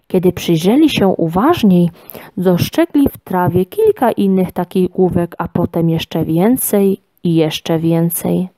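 Slow, warm-voiced woman reading a storybook. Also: lowish voice, no echo. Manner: expressive, measured reading. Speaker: reader.

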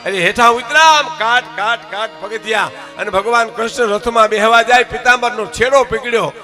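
A man's voice: very high voice, moderate pace, sharp tone, faint music behind. A man telling a devotional folk story on stage, dramatic and emotional, shifting into the voices of his characters.

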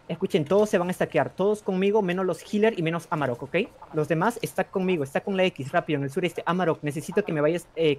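A man barks quick, repeated battle orders at his group over voice chat. His delivery is fast and clipped. There is faint noise behind him. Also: fairly high pitch, darkish tone. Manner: rapid repetitive commands. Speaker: raid caller.

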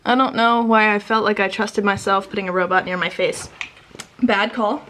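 A woman's voice: mid-range voice, steady tone, normal speed, a bit bright, a little hiss or hum. A young woman chatting casually in a vlog, laughing often and joking sarcastically at herself. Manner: giggly, self-mocking, sarcastic. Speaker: vlogger.

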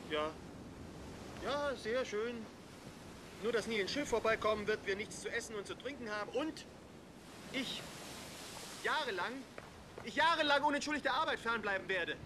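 A middle-aged actor playing a mild, anxious father figure in a film comedy, fretful and excitable. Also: very high-pitched, moderate pace, long pauses, background noise. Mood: wistful. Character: anxious, mild-mannered bachelor, adoptive father of a magical creature.

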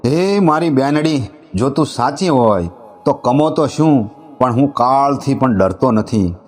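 A man's voice: medium pitch, animated, unhurried, a little mellow, pitched above the performer's own voice. A man voicing a loyal, protective village man who reassures his sworn sister in a folk tale. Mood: earnest.

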